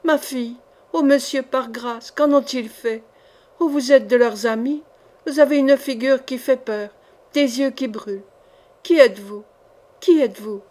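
A woman reading the part of a frightened, wounded young mother in an audiobook, pleading and distraught, in a slightly high voice. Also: a little slow, a little mellow. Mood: frantic.

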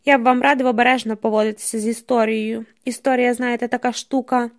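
A woman's voice: on the high side, little pitch movement, fast talker, natural voice. A woman reading the part of a chain-smoking male journalist who talks in an ironic, lecturing way. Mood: mocking.

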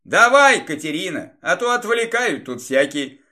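A man's voice: high-pitched, very animated, a little slow, bright, forceful tone, full character voice. Man reading a wry, brusque soldier. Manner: dry, teasing.

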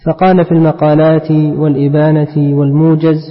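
A man's voice: on the high side, level tone, brisk. A man reading a classical text aloud to his teacher, repeating phrases when he is asked. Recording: dull lo-fi sound in a reverberant hall.

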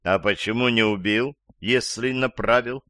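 A male audiobook reader voicing a puzzled, patient male prosecutor who asks measured questions. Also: medium pitch, bright, forceful tone, dry recording, studio quality. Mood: questioning. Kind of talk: audiobook character voice.

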